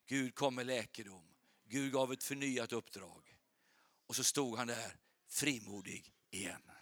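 A male preacher and Bible school teacher giving an animated sermon, telling stories and firing rhetorical questions at a church congregation. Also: medium pitch.

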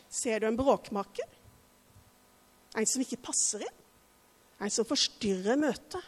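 Woman preacher, pretty high voice, earnest, lots of hall echo. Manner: earnest, questioning the listeners. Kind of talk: sermon.

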